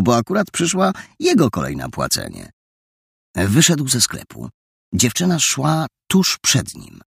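A man reading a story aloud in an expressive, lively storytelling manner. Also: lowish voice, creaky, breathy edge, dry recording, studio quality. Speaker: narrator. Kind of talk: audiobook narration.

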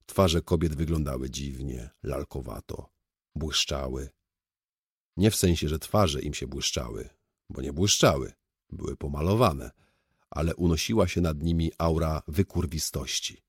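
A man's voice: very deep voice, unhurried, husky, no room sound, clean studio sound. A man reading a first-person audiobook in a wry, sardonic storytelling manner. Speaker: audiobook narrator.

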